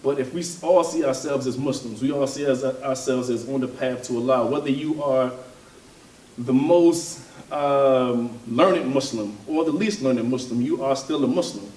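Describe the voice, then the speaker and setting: A man gives a thoughtful, unhurried religious and political talk, stopping often to restart his sentences. He sits a fair way from the mic, and the room adds a clear echo. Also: mid-range voice, darkish tone. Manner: thoughtful, hesitant, with frequent fillers and restarts. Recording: roomy, from a distance.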